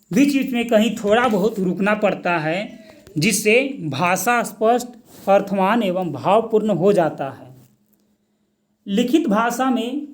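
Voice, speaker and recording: A man with a high voice gives an exam-prep grammar lecture, voiced over slides. He explains slowly and patiently. He poses questions and answers them himself, dropping English words into his Hindi.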